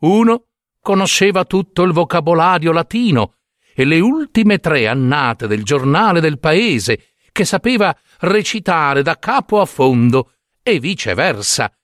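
A man narrating a fairy tale aloud in an expressive storytelling manner. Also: a little high, measured pace, no echo, clean studio sound.

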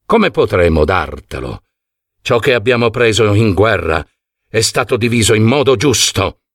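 A man's voice: lowish voice, very animated, moderate pace, fairly bright tone, no echo, studio quality, heavily acted. A man voicing a proud, angry young warrior hero who speaks sternly and with scorn, in a storybook reading. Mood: scornful.

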